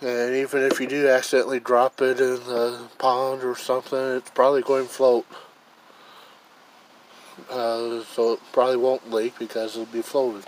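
This man's medium-pitched voice is flat and moves at a normal pace as he casually reviews gear on an outdoor deck, filming handheld. He rambles plainly and thinks aloud, and the rough recording carries slight background noise.

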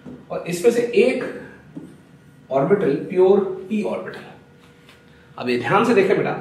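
A chemistry teacher from Assam lectures in a fairly high voice, coaxing his students and repeatedly checking that they follow. The recording is very echoey. He stands some way off from the mic. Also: a little mellow. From Assam, India. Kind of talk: classroom lecture. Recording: very echoey room, voice from a distance.

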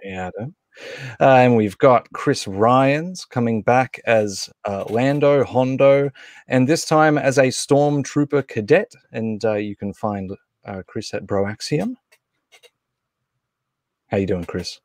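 This livestream host, a man of thirty-something or forty-something, speaks slowly in a mid-range voice with no room sound at all. He tosses out announcements and introductions casually, improvising and hesitating as he goes.

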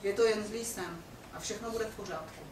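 A woman's voice: medium pitch, noisy background, voice pushed down, lightly acted. A woman reading a frightened young wife. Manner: fearful, pleading. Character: frightened young wife pleading for her life. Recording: roomy hall from a distance.

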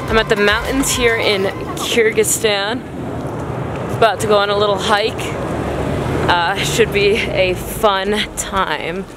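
A woman's voice: mid-range voice, fairly even intonation, slow. A young woman in her twenties talking enthusiastically to a handheld camera as a travel vlogger. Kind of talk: casual travel vlog. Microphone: handheld camera at arm's length. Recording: loud music and crowd noise underneath. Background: loud music and crowd chatter.

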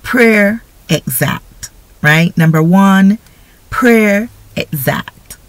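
A woman's voice: medium pitch, lively intonation, very slow, no room sound, rough recording. A woman giving an informal devotional talk on prayer, speaking conversationally and often checking in with listeners by asking "right?". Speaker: faith speaker.

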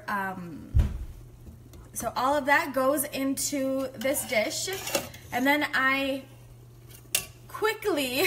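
A woman in her thirties talks casually into a phone held at arm's length while cooking in her kitchen. Her voice sits high and sounds bright. She rambles, restarts and laughs often, with a faint hiss behind her. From United States. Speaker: family physician and cooking vlogger. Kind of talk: casual live-stream chat. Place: home kitchen, indoors.

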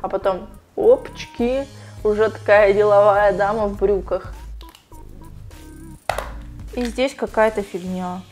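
In a small tiled bathroom, a young woman perched in the tub unboxes toys and chats playfully with her dog and her audience for a casual vlog. Recorded on a lapel mic with faint music behind, her medium-pitched, darkish voice stays fairly even, slow, and full of pauses.

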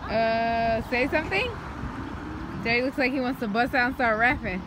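A woman's voice: on the high side, normal speed. A woman chatting casually and playfully behind the camera as she films a family vlog on a handheld device. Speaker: family vlogger filming. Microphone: handheld camera or phone. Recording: noisy handheld home video.

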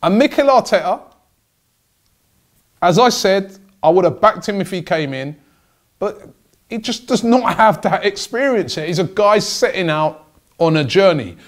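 A man's voice: high voice, lively intonation, measured pace, long pauses. A middle-aged man giving opinionated football commentary as a show host, speaking emphatically and repeating phrases for stress. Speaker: football fan channel host. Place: indoor studio desk with branded backdrop. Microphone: several stand microphones on desk.

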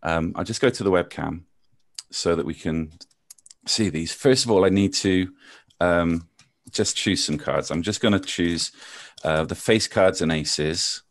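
A maths teacher with a low voice and Bristol accent chats casually while demonstrating card tricks, speaking at a measured pace. He's self-deprecating and jokey, with frequent ums. The sound is dry, with no room sound.

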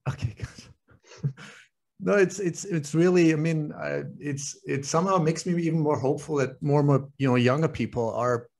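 A man's voice: fairly high pitch, moderate pace, gravelly, darkish tone. A man in his forties hosting a casual video-call interview, asking rambling questions full of fillers. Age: 40s. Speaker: podcast host. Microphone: desk microphone on video call.

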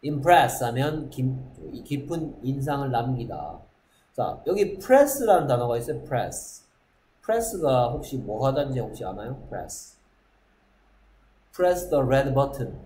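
A middle-aged man gives a classroom lecture, repeating each word and throwing rhetorical questions at his students. His voice sits at a middle pitch. The room is echoey, with a faint hum of ambience behind him. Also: sing-song, slow pace, warm tone. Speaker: middle school English teacher.

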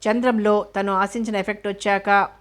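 A woman narrating a novel aloud in a steady, even reading voice. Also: moderate pace. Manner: even, steady reading with little pitch movement.

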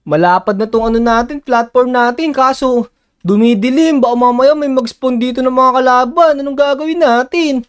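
A man with a high, smooth, clear voice hosts a Minecraft let's-play. He is excitable and bossy, and he keeps urging his partner to hurry. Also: moderate pace. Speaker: gaming channel host.

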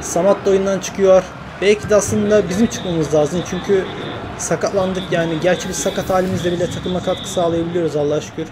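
A man commentating his own football video game career, excitable, grumbling and cheering at his own play. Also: high voice, a little fast, noisy background. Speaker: gaming YouTuber.

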